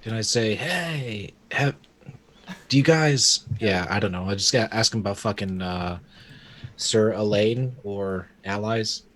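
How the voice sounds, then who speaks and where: A man's voice: lowish voice, measured pace, fairly bright tone. A man playing a tabletop game, talking in a hesitant, rambling and goofy way. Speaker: player.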